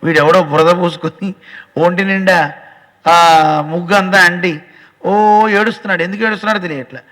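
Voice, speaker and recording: A man's voice: sits high, fairly even intonation, moderate pace, fairly bright tone. A man voicing a startled, protective village mother who asks puzzled questions, in a told story. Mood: exclaiming. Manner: exclaiming, bewildered questions. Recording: long hall reverb.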